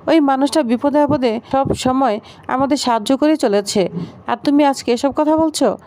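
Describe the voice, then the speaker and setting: Brief: simple, trusting mother, as a woman narrator reads her, high voice. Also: moderate pace, warm tone, slight background noise, close to an everyday voice.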